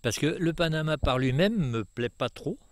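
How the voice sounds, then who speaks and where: Outdoors on a jungle estate, a retired French property owner in his sixties is interviewed, talking with many fillers and restarts. His voice is on the high side, animated, at a moderate pace, with a little hiss or hum.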